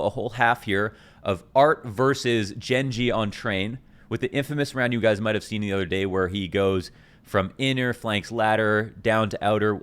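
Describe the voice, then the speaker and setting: A man's voice: lowish voice, fairly bright tone, clean tone. Enthusiastic man chatting to his viewers. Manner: enthusiastic, rambling, self-correcting. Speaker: esports coach and YouTuber. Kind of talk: casual talk to camera.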